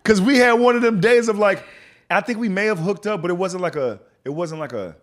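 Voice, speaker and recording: A young adult Texan man hosts a podcast, chatting casually and telling animated stories in which he acts out quotes. His voice is high and a little fast.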